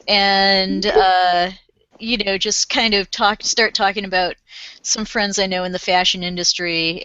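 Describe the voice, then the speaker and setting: A woman's voice: mid-range voice, pushed and bright, dry recording, highs cut off. A woman playing a tabletop game in character, improvising hesitantly with fillers. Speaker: player. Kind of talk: in-character tabletop role-play.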